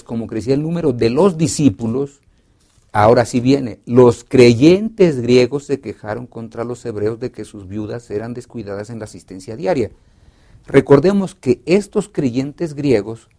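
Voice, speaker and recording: A male pastor explaining a Bible study lesson in a lively conversational way, acting out short dialogues. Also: medium pitch. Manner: expressive teacher, acts out dialogue, many restarts.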